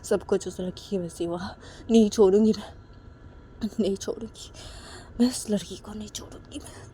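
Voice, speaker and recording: A woman voicing a grieving middle-aged mother who sobs, turns shrill and drops into whispers while vowing revenge. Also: fairly even intonation, normal speed, mellow, a little hiss or hum, close to an everyday voice. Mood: weeping, vengeful.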